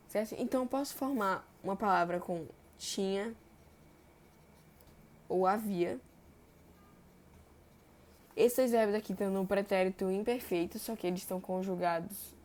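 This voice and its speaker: A young woman, teaching verb tenses in a chatty way and stretching example words slowly. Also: mid-range voice, darkish tone. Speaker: Portuguese grammar teacher. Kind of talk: explaining verb tenses on a board.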